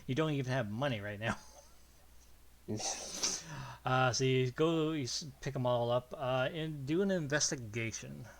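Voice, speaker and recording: A man's voice: medium pitch, a little slow, pauses often. A man running a tabletop game, narrating in a mid-range voice. He rambles along with plenty of fillers and little laughs. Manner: rambling, lots of fillers and giggles. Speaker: game master.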